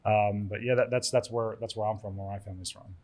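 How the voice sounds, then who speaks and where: A man's voice: lowish voice, steady tone, quick pace, darkish tone. A man from Cyprus, an event organizer, chatting casually on a podcast and often restarting his sentences. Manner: rambling, repeats words, laughs easily. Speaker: event organizer, studio owner.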